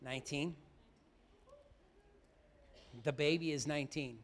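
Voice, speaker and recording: Man preaching, loud then hushed. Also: steady tone, slow, slight background noise. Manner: swings between loud emphatic preaching and low confiding storytelling. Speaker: pastor. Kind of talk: sermon.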